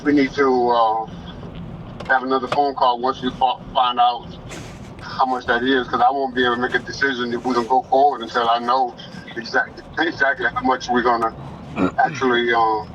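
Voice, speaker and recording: Man, mid-pitched, hesitant homeowner tripping over words on a three-way phone call, muffled line with faint noise. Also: little pitch movement, fairly bright tone. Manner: halting, stammering over words. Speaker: homeowner facing foreclosure.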